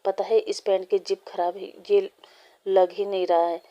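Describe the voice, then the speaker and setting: A woman's voice: mid-range voice, little pitch movement, moderate pace, mellow, muffled recording, close to an everyday voice. A woman voicing a young man, a firm boss in love, in a fan story read aloud.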